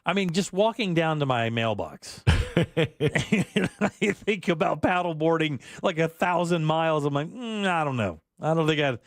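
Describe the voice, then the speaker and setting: A man hosting a morning radio show, bantering casually and jumping in with quick questions. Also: on the high side, no echo, studio quality. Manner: animated, jumps in with quick questions. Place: radio studio. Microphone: studio microphone.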